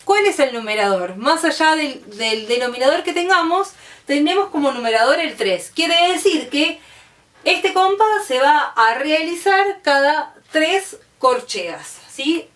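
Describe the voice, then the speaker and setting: An Argentine music teacher explains a lesson step by step in an expressive, somewhat bright high voice at a measured pace. She patiently checks that students understand by asking "¿sí?". The room sounds spacious, with the mic placed far off.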